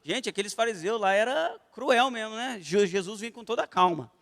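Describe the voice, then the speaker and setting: Very high-voiced Brazilian church teacher. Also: male voice, brisk, long reverb tail. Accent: Brazilian Portuguese. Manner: lively storytelling that addresses the class directly. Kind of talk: church class lecture. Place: church hall.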